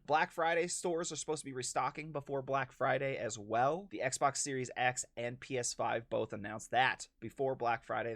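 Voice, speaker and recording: A man's voice: medium pitch, creaky, a bit bright, dry recording. Chatty man with dry sound. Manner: chatty, opinionated, conversational asides. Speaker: gaming news host. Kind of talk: casual gaming news update.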